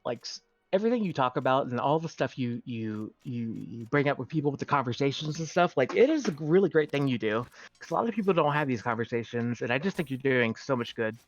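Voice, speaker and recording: Chatty guest in his thirties, encouraging, pitch swings a lot, lots of "like". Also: animated, fast, no room sound, dull audio. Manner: warm, encouraging, rambling with fillers. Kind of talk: casual chat.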